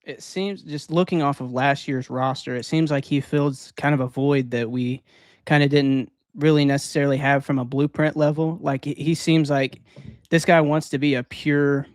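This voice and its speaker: A man co-hosting a laid-back sports podcast, speaking with a smooth, clean voice. His talk is conversational and peppered with "uh" and "I mean". The sound is close and dry, with no room in it. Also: on the high side, fairly even intonation, normal speed, dry recording. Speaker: podcast co-host. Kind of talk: casual sports podcast chat.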